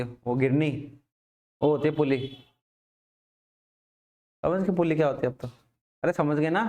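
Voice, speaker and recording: A man's voice: fairly high pitch, darkish tone. A man teaching physics in a casual classroom lecture, repeating questions to his students.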